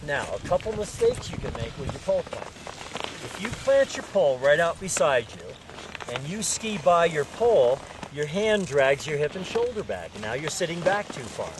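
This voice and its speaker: A man's voice: a little high, very animated, moderate pace. A man teaching a ski lesson to a group, projecting his voice in short, emphatic instructions with a folksy, joking manner. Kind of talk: outdoor group ski lesson with jokey coaching. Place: outdoors on a ski slope. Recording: outdoor ambient noise, shifting distance.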